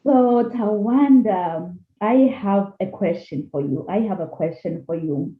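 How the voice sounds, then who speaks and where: A woman hosting an online talk show, greeting viewers warmly and introducing her guest. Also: medium pitch, measured pace. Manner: upbeat, welcoming, formal reading of a disclaimer. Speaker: podcast host. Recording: echoey, tinny phone-like call audio.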